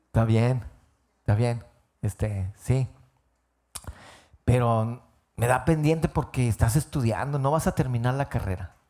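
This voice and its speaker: A man's voice: mid-range voice, measured pace, long pauses, dark tone, pitched below the performer's own voice, lightly acted. A man quoting his blunt, teasing father within a sermon story, nagging and insistent. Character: the speaker's teasing, worried middle-aged father.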